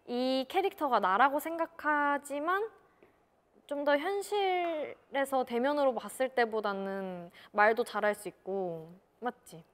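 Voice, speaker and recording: A young woman with a fairly high, animated voice chats casually. She steers the conversation with questions and speaks in an encouraging way, her intonation moving up and down freely. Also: a little slow. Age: young adult. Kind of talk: casual chat.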